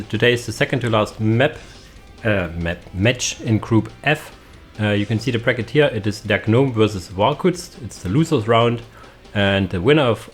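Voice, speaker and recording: Casting note: young male game caster, lowish voice, halting casual delivery, faint music underneath. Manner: hesitant, many fillers and restarts.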